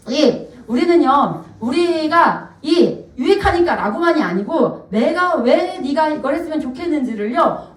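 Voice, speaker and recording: A middle-aged woman speaking at a live parent seminar, telling animated personal stories with frequent laughter and addressing the audience directly. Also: high voice. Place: live event hall. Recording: echoey hall, distant mic.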